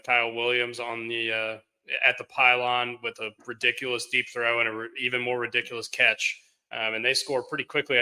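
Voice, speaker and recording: A man co-hosting a sports podcast, ranting in exasperation and swearing, his voice jumping high when he gets angry. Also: sharp tone, rough recording. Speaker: podcast co-host. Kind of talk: casual sports rant.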